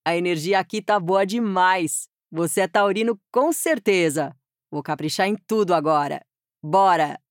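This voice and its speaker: A woman's voice: on the low side, lively intonation, normal speed, no room sound, clean studio sound. A woman delivering scripted, playful GPS directions in a teasing, flirty, upbeat way. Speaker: playful navigation voice.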